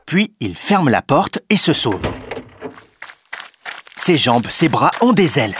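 A man reading a children's story aloud in an expressive, unhurried way. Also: medium pitch, background noise. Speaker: narrator.

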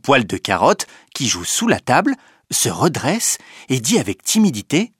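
A man reading a children's story aloud in an expressive, unhurried way. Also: medium pitch, breathy edge, no room sound, clean studio sound. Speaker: narrator.

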